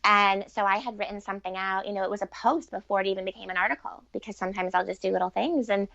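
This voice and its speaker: A middle-aged woman, guesting on a podcast as a relationship author and coach, answers quickly in an earnest, reflective, informal manner. Her medium-pitched voice is gravelly and fairly bright, with fairly even intonation. The recording is dry, dull and lo-fi.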